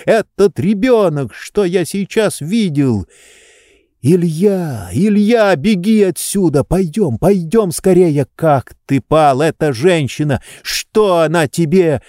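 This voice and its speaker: A man voicing an energetic, insistent friend who urges and reproaches in an urgent tone. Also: a little high, slow, dry recording, studio quality, pitched above the performer's own voice. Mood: alarmed.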